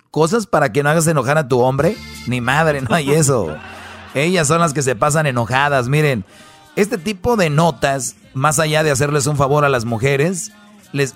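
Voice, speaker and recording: Wisecracking male radio host. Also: medium pitch. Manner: mocking, wisecracking. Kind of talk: comedic radio talk.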